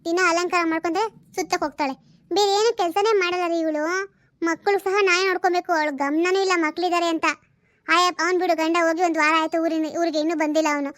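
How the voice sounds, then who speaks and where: Woman doing a scolding cartoon mom, nagging and sharp, high quick voice, dry close sound. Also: fairly even intonation, no echo. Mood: complaining. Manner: sharp-tongued, nagging, threatening. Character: scolding middle-aged mother of grown daughters. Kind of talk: cartoon family drama.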